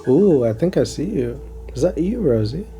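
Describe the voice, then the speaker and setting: Male vlog host, mellow voice, casual and jokey ghost-hunt chat, faint music underneath. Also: a little high, sing-song, moderate pace. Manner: joking, teasing the supposed ghost.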